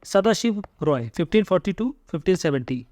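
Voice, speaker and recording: Young guy tutoring, high voice, dead dry sound, reads slow then rattles off the explaining bits. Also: lively intonation, a little mellow, no echo. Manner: reads English notes slowly, then explains quickly in Hindi; stumbles over hard names and apologizes. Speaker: exam-prep teacher. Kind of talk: lecture reading notes aloud, explaining in mixed Hindi and English.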